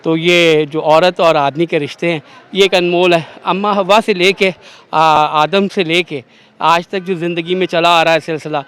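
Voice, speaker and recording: A fairly high, smooth and resonant voice on a man in his forties from Pakistan. He speaks formally and slips into recited verse, pausing on hesitant fillers. He answers a street interviewer's questions outdoors. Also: steady tone, a bit bright. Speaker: interviewee, father.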